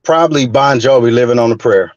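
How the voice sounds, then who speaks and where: A man's voice: medium pitch, quick pace, muffled recording. A man in his forties from the Bay Area, a guest in a casual sports chat, blunt and assertive. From San Francisco Bay Area. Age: 40s.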